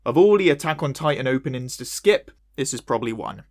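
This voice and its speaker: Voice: medium pitch, brisk, dry recording, studio quality, close to an everyday voice. A performer voicing a dorky little male puppet who reviews anime, speaking with a West Country accent in a jokey, self-mocking way. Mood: lively. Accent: West Country English. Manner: wildly swooping, animated delivery. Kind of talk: comedic video review.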